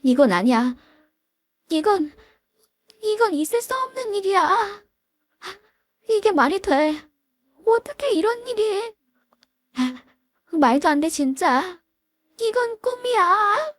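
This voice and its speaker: A woman playing a shrill, defiant mistress. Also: big pitch swings, slow, pauses often, dry recording, studio quality, full character voice. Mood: wailing. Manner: shrill, cries out in a breaking high voice. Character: tearful defiant woman caught cheating.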